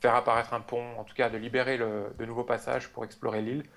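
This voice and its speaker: A man co-hosting a podcast in casual chat, talking in a hesitant way with many filler pauses. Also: medium pitch, level tone, gravelly, a bit bright. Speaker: podcast co-host.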